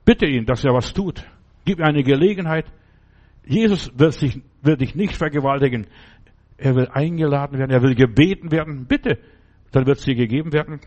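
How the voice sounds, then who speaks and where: A man preaches a fervent, emphatic sermon, addressing the listener directly and repeatedly asking whether they understand. His fairly high voice is darkish in tone at a moderate pace, and the audio is dull.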